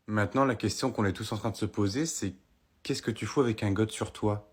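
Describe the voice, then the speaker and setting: A man acting in comedy sketches, with a husky voice and a dry, deadpan delivery. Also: on the low side, fairly quick.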